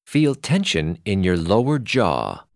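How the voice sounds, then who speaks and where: A male phonics teacher gives scripted instructions in a very lively, swooping voice. He takes his time over each word with clear, deliberate delivery. The sound is close and dry, with no room around it. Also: lowish voice, dry recording.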